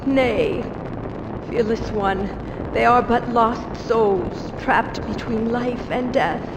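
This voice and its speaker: A woman's voice: on the high side, takes it slowly, echoey room, very noisy. An actress playing a reverent, fearful old woman village oracle in a video game, humble and pleading in archaic formal speech. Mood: fearful, grave.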